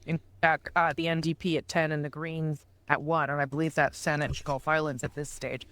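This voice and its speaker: A man anchoring live election-night news coverage with a polished, even delivery. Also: fairly high pitch, fairly quick, clear, resonant tone, dry recording.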